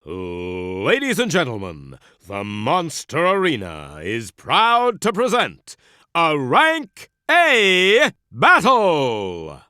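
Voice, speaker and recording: A man voicing a grandiose monster arena announcer in a video game, with showy, drawn-out fight announcing. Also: fairly high pitch, wildly swooping pitch, bright, forceful tone, clear, resonant tone, heavily acted. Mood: showy, excited.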